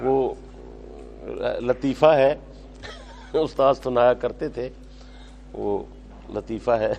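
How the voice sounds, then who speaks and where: A religious teacher, lecturing a class, repeating phrases slowly for dictation and scolding students brusquely. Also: male voice, mid-range voice, darkish tone, dull audio, slight background noise. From Pakistan.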